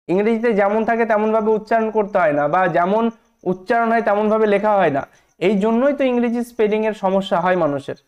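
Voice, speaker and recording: A man's voice: high voice, dull audio. A man teaching a spelling lesson, repeating points and asking the class questions.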